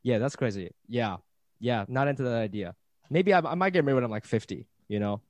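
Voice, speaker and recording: A man in his thirties chatting casually on a podcast, rambling and restarting his sentences, getting excitable. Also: medium pitch, brisk, dry recording. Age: 30s. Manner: rambling, self-interrupting, excitable. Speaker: podcast co-host guest.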